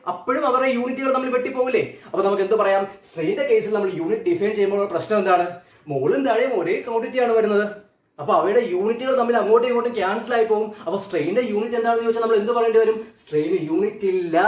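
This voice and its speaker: Malayali male physics teacher, high voice, quizzes students and answers himself, drags out key terms, roomy sound with the mic at a distance. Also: a little mellow. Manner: asks students questions and answers them, repeats key terms slowly. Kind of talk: classroom physics lecture. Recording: echoey room, voice from off the mic.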